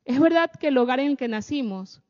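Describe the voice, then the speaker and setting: A woman's voice: sits high, expressive, brisk, a little mellow. A woman giving a sermon-style talk on family, often checking in with her listeners through rhetorical questions. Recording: echoey hall, dull lo-fi sound.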